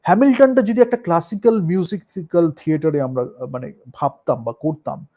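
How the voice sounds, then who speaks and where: A man with a Bengali accent, a musician and performer, talking in a casual, thoughtful way, slipping English phrases into his speech and pausing with fillers. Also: on the high side, mellow. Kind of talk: casual talk on art and performance.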